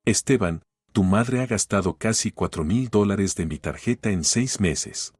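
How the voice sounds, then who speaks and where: A man voicing a young wife who holds back tears and keeps her voice quiet and measured, in an audiobook story reading. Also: fairly low pitch, slightly rough, no room sound, clean studio sound. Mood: strained calm.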